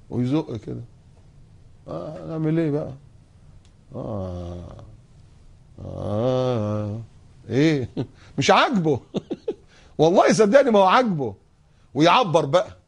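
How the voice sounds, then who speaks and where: Animated Egyptian preacher, fairly high voice. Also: male voice, normal speed, gravelly, long pauses, husky. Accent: Egyptian Arabic. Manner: animated, acts out quoted voices and scenes, jokes and laughs. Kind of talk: colloquial sermon.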